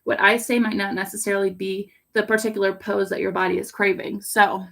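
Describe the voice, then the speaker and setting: A woman yoga instructor guiding a home yoga class in a relaxed way, with a raspy voice and pollen congestion. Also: medium pitch, fairly quick. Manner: relaxed, cueing poses with fillers. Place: home under construction. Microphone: laptop camera.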